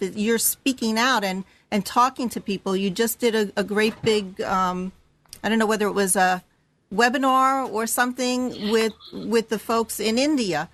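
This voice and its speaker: A woman's voice: a little high, fairly even intonation, normal speed, fairly bright tone. A woman hosting a casual interview, chatty and encouraging as she asks questions. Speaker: host.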